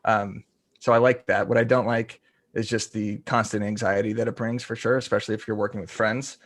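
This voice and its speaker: A man's voice: on the low side, flat delivery, fairly quick. A man who is a guest on a podcast, chatting casually in a joking, laid-back way. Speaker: guest, content creator.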